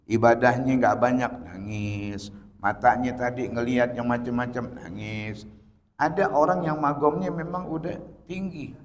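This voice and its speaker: A man preaching a casual sermon lesson, moving between chanted Arabic and joking everyday slang, from loud to soft. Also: mid-range voice, a little hiss or hum. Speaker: Islamic preacher teaching tafsir. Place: large prayer hall. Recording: dull lo-fi audio in a long-echo hall.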